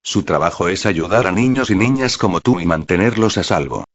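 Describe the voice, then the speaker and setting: A man reading as a calm, soothing young woman. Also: low-pitched, a little fast. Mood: gentle. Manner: gentle, soothing. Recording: dull, dry lo-fi recording.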